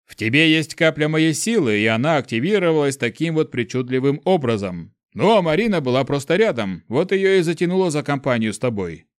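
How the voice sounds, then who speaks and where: A man voicing a male guardian who grumbles and mocks in a gruff, offhand way. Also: a little high, very animated, a little fast, few pauses, no echo, clean studio sound. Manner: grumbling, mocking. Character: gruff teasing male keeper, old ancient being.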